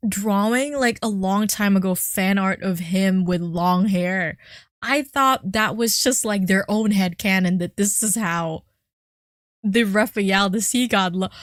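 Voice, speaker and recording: A woman's voice: medium pitch, fairly bright tone, dry recording, studio quality. A woman gaming streamer giving a casual live reaction, with an effusive, exclamatory fangirl manner.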